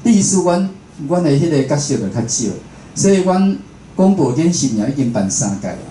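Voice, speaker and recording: His voice sits on the high side, brisk and sing-song with a dark tone, as this Taiwanese-accented man gives a casual public talk full of small confirming tags at phrase ends. He's a radio host and programme producer speaking indoors to a seated audience. Expect a roomy echo and faint noise.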